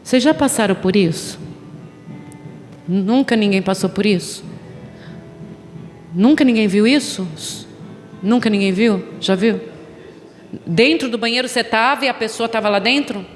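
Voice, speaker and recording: A woman pastor preaching a sermon, telling a story with animated emphasis and asking the congregation rhetorical questions. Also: on the high side, unhurried, pauses often, big-room sound, faint music behind. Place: church hall.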